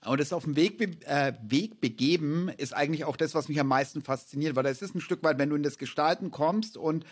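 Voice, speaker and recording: A man's voice: fairly high pitch, fairly quick, hardly any pauses, husky. A man in his forties hosting a podcast conversation, talking in long, winding, enthusiastic sentences. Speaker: podcast host.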